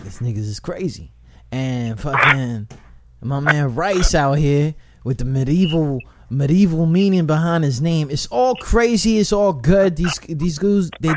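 A high-voiced man hosts a casual internet radio chat, animated and profane, handing out shout-outs and often repeating himself. Background noise is audible.

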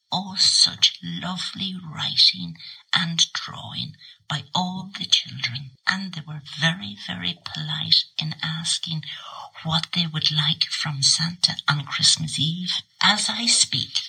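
A woman playing a gentle, homely old Mrs Claus, speaking in a soft, breathy half-whisper. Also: low voice, heavily acted, low-quality recording.

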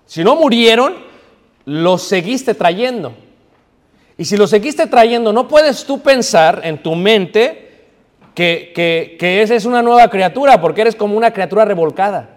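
A man's voice: high-pitched, expressive, measured pace. A man preaching a sermon to a congregation, telling stories, asking the audience questions and mixing in English. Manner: storytelling, asks the audience questions, mixes in English. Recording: reverberant hall.

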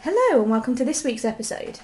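A woman's voice: a little high, big pitch swings, fast, a little mellow. A woman co-hosting a casual history podcast, explaining at length and correcting her co-host.

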